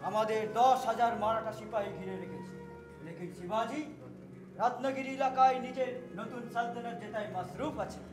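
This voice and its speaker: A man's voice: very high voice, steady tone, normal speed. A man acting a deferential but bold soldier addressing his lord in a historical stage play, formal and theatrical. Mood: urgent. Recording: echoey stage, loud music over voice.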